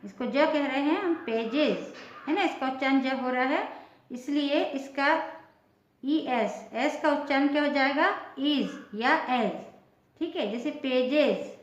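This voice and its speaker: A woman's voice: sits high, unhurried, echoey room, dull audio. A woman teaching an English pronunciation lesson in Hindi, spelling words out letter by letter and repeating each word with its meaning.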